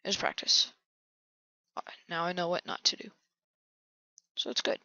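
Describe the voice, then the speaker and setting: A man quietly commenting on his own game build, often half-whispering to himself. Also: high-pitched, level tone, a little slow, no room sound, highs cut off. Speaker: channel host building in a video game.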